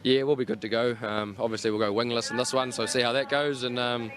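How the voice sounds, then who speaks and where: A man's voice: medium pitch, fairly even intonation, fast, a bit bright. A man with a broad New Zealand accent, a race driver chatting casually in an interview with laid-back slang. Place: outdoors in speedway pits.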